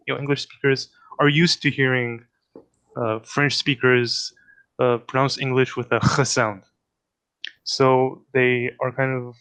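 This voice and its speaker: A man's voice: medium pitch, fairly bright tone. Man thinking aloud while explaining. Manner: thinks aloud, self-correcting. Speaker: linguistics presenter. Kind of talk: casual explanatory talk.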